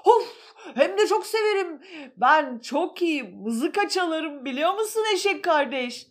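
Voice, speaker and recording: A woman's voice: high voice, very animated, a little slow, pitched above the performer's own voice. A woman doing a sad old dog. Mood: eager.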